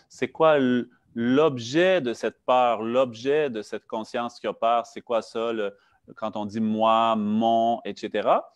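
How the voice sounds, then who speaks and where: Fluent male interpreter restating a teaching. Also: medium pitch. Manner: fluent, explanatory, with light fillers. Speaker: interpreter and assistant. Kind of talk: relaying a talk in fluent French.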